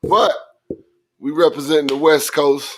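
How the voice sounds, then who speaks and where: Male podcast co-host, hoarse and recovering voice, relaxed rambling sports chat. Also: on the high side, measured pace. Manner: laid-back, keeps saying "you know what I'm saying". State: hoarse, voice coming back. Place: at home in Phoenix.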